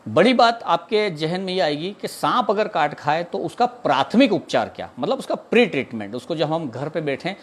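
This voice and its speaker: A man's voice: a little high, big pitch swings, normal speed, few pauses. A man from India, a snake catcher, earnestly explaining in an informal talk, repeating himself and mixing in English words. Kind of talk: informal talk answering a viewer's question.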